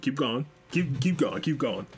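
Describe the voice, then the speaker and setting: Brief: male podcast co-host, casual and jokey, pitch moves a lot. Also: expressive, unhurried, slightly rough. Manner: joking, laughs often. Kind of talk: casual chat.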